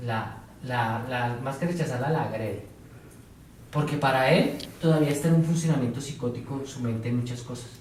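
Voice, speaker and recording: A man's voice: mid-range voice, normal speed, darkish tone, a little hiss or hum. Man lecturing in a very echoey classroom. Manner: asks the class questions and repeats their answers; tells examples step by step, now and then playing a teacher or patient. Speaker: psychology lecturer. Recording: very echoey room, voice from far off.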